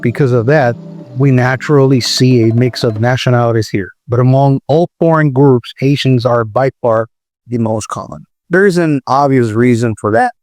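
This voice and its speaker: A man from the Republic, hosting his own channel and explaining in a measured way with frequent pauses. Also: mid-range voice, a little mellow, dry recording, studio quality, soft background music. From Dominican Republic. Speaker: video host. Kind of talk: explanatory commentary.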